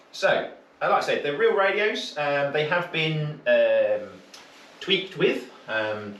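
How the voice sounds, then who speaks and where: In a roomy indoor training room, caught on a distant mic with faint background noise, a British man instructs a marine radio course. His voice leans low and a bit bright. He teaches informally, breaking things into steps and asking quick questions to check.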